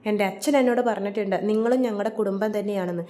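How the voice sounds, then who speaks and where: A woman voicing a kind, protective husband who gently scolds and advises. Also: high-pitched, fairly even intonation, quick pace, natural voice. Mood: soothing. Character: kind elder-brother husband, calm and protective.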